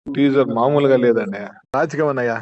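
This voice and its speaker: A man on a phone line, an excited fan talking effusively to a film star and repeating "brother" again and again. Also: mid-range voice, fast talker, a crowd in the background. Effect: heard over a phone line. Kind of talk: phone conversation. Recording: muffled, dry phone-call audio.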